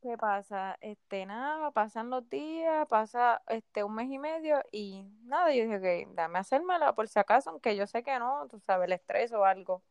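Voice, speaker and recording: Woman, higher voice, hesitant casual talk. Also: a little slow, hardly any pauses, clear, resonant tone, no echo, clean studio sound. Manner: hesitant, many fillers. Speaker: podcast co-host. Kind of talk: casual chat.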